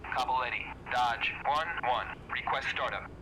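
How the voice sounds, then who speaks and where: A man's voice: medium pitch, normal speed. A man voicing terse pilot and air traffic calls over a radio transmission, with clipped radio phrasing. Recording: noisy distant radio transmission.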